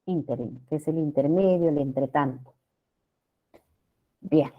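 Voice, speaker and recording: A woman teacher giving a grammar lesson to students, often checking in with them and drawing out words slowly for emphasis. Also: on the low side, big pitch swings, phone-quality sound. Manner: addresses students with frequent checking questions.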